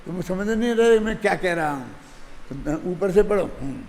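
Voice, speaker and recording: An older man gives a religious discourse in a high, gravelly voice. He talks conversationally and keeps checking that his listeners follow. The recording has a long hall reverb and faint background noise. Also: expressive, normal speed, darkish tone. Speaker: Jain scripture teacher.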